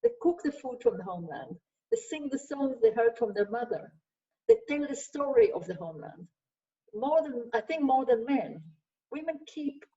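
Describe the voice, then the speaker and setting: An older Israeli sociologist who speaks Hebrew answers questions earnestly during an online masterclass, her slightly high voice dark in tone. She makes her points with lists and restarts often, heard through distant, dull, lo-fi video call audio.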